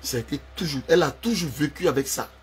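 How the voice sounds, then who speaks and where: A man's voice: on the high side, fast talker, a little hiss or hum. Man, ranting. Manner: heated, accusing, repeats himself for emphasis. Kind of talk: confrontational personal rant.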